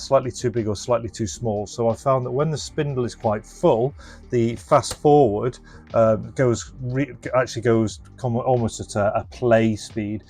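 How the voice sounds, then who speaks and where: Speaking with a medium-pitched, darkish voice, a man who restores and resells retro electronics casually demonstrates a product hands-on. He explains informally, thinking out loud as he goes.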